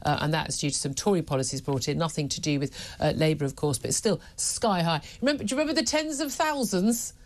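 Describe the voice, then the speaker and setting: A woman hosting a talk radio debate, forceful and emphatic, jumping up in pitch to rebut points. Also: quick pace, few pauses.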